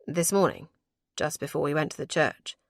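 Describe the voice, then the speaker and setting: A woman voicing an affectionate young lord, speaking low, wry and murmuring to his new wife. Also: moderate pace, gravelly, no echo, clean studio sound. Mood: tender.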